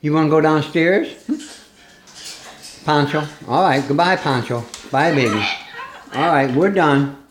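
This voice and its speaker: A man's voice: on the high side, unhurried, pauses often, slight background noise. A man coaxing his pet parrots to talk at home, in a doting, teasing, sing-song way. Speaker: parrot owner. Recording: echoey room recording.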